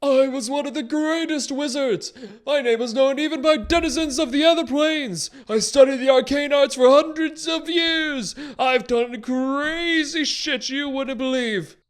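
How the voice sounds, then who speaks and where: A man's voice: very high-pitched, measured pace, voice pushed up. A man voicing a mad, rambling ancient human wizard who loses his train of thought and takes offense easily. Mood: shrill rambling. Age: older. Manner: scatterbrained, indignant, rambling with trailing restarts.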